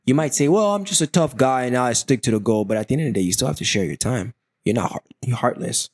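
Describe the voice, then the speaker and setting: Guy on a podcast, casual chat, mid pitch, animated storyteller. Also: fast talker, no echo, clean studio sound. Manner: animated storyteller, slips into playful impressions, laughs often. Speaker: podcast guest.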